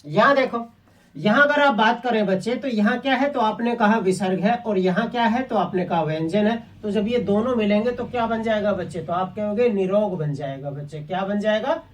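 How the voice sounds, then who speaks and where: A woman's voice: mid-range voice, normal speed, recorded from a distance. A woman teaching a Hindi grammar class online. She asks the class questions and answers them herself, often calling her listeners children.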